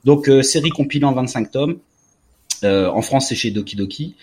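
A man in his forties co-hosting a casual chat, relaxed and talkative with many fillers. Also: mid-range voice, moderate pace, husky. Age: 40s. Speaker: podcast co-host. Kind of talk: casual chat about manga.

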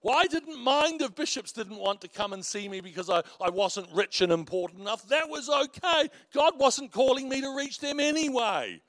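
Very high-pitched and barely pausing, this big-voiced middle-aged man preaches at a moderate pace in echo-free, studio-quality sound. As a pastor he tells stories with self-deprecating humor, warm asides and laughs at himself.

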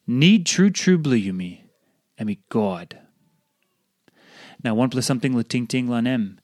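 A man's voice: medium pitch, big pitch swings, a little slow, a little mellow, no room sound, clean studio sound. Papua New Guinean man reading a devotional. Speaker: devotional reader. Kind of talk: scripted devotional reading in Tok Pisin.

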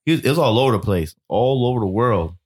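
Lively man with a wide-ranging voice. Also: fast talker. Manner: lively, jumps in pitch when surprised. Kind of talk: casual chat.

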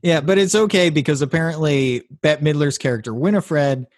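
A podcast co-host, male, with a fairly high voice and a moderate pace, goes over a film's plot playfully and slips in jokes during a casual review chat. The audio is dry and studio quality.

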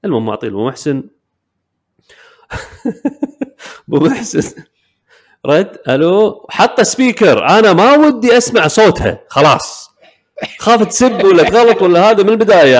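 A man's voice: high-pitched, a little fast, pauses often. A young man with a Kuwaiti Arabic accent, co-hosting a casual podcast chat and acting out the voices in the stories he tells. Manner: animated storyteller, acts out voices in quoted dialogue. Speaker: podcast co-host.

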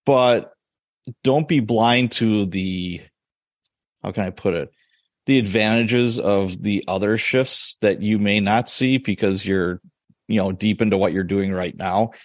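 A man's voice: lowish voice, a little slow, dry recording, clean studio sound. A man in his forties hosting a podcast, chatting casually and laughing often as he tells stories. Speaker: podcast host. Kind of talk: casual interview chat.

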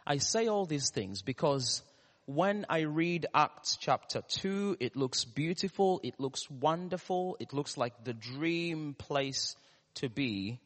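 A male preacher with a Ugandan, East African accent speaks in a reverberant hall. His delivery is slow and deliberate, with pauses and repeated key words. He turns to the congregation with questions as he preaches. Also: a little high, animated, fairly bright tone. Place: large reverberant room, live church service. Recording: echoey hall with long reverb.

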